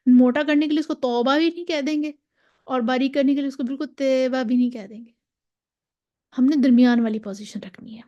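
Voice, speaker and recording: A woman's voice: sits high, fairly even intonation, brisk, mellow, lo-fi sound. A woman with a Pakistani Urdu accent teaching a tajweed lesson, patiently repeating and drawing out example syllables. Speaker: Quran recitation teacher.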